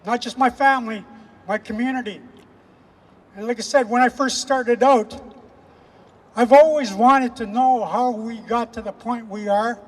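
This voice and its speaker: A man from Canada delivering an impassioned speech at an outdoor rally, emphatic and repetitive, slowing down to stress key phrases. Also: extremely high pitch, fairly even intonation, big-room sound. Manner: emphatic, repetitive, with slow weighty pauses. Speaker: rally speaker.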